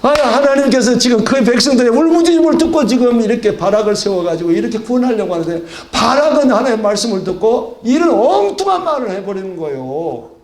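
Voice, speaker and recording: A man's voice: very high-pitched, big pitch swings, fast talker, hardly any pauses, a little mellow, reverberant, slight background noise. A male pastor delivering a sermon, asking rhetorical questions and acting out the dialogue of biblical figures.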